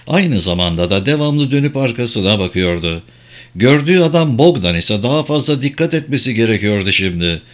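A man reading a crime novel aloud as a steady, even audiobook narrator. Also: medium pitch. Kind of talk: scripted narration.

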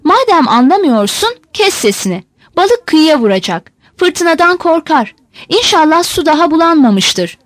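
Woman doing gruff old fisherman dad, bossy and impatient, lively high read. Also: unhurried, no echo, clean studio sound. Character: gruff old fisherman father giving orders.

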